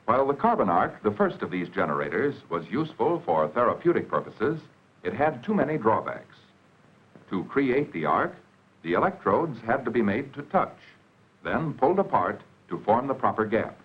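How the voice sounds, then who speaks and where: An American man narrates a formal, scripted 1940s educational documentary in a medium-pitched, sing-song voice with a breathy edge, speaking at a normal speed. The audio comes from an old film soundtrack that sounds dull and band-limited.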